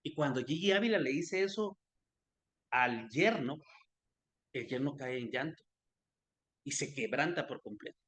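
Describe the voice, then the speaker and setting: A man's voice: mid-range voice, expressive, unhurried, long pauses, a bit bright. A man telling a forgiveness story in an earnest, conversational preaching style, often restarting his sentences.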